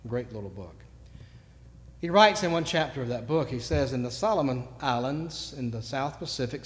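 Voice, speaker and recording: A man preaching a sermon, telling stories and moving between quiet asides and sudden loud bursts. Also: medium pitch. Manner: storytelling, swings from quiet to shouting. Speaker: pastor. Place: church sanctuary. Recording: long church reverb.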